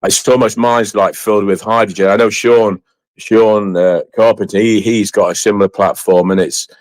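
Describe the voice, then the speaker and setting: A man hosts a casual chat in a fairly low voice. He is effusive and rambling, often halting and doubling back on his phrases. The sound is dry, with very little room in it. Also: steady tone, no room sound. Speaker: host of an online community chat.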